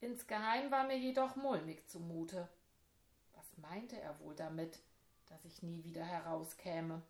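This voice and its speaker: A woman reading a children's story aloud, speaking clearly and addressing young listeners. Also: lowish voice, unhurried, echoey room. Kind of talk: scripted narration for children.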